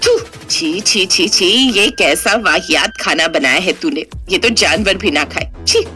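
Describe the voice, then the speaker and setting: A woman voicing a spiteful, bossy aunt who scolds loudly and sobs for show. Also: lively intonation, a little slow, faint music behind. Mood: scolding. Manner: shrill scolding, fake sobbing.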